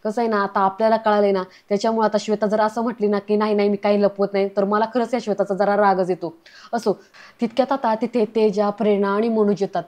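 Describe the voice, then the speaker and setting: A woman giving a casual, chatty recap of a television serial and addressing her listeners as friends. Her voice is mellow and dark, and her pitch stays flat. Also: fast talker.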